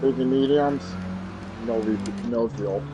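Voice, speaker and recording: A man's voice: medium pitch, measured pace. A man giving clipped, matter-of-fact team radio calls as a sim racing driver, heard over a muffled radio transmission. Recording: dull lo-fi audio over loud car engine noise. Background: racing car engine.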